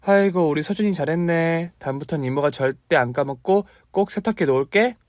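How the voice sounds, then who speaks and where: High-pitched young aunt, voiced by a man. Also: fairly quick, darkish tone, no room sound, studio quality, natural voice. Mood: gentle affectionate. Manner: emotional, pleading, teasing by turns. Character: young woman, devoted aunt raising her nephew. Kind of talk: dramatized story reading.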